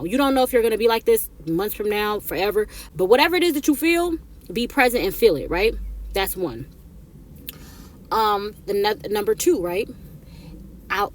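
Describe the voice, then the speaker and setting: Her voice sits on the high side as this woman in her thirties chats to camera with casual life advice. She repeats herself and keeps tagging lines with "right?" or "okay?", and a little background noise is audible.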